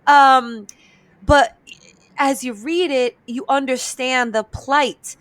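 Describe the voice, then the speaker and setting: A talkative woman, animated and expressive as a podcast guest. She mixes Spanish words into her English. Her voice sits fairly high. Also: slow, no echo. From New York, of Dominican and Eastern European roots. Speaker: guest, comedian and voice actor. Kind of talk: casual podcast interview.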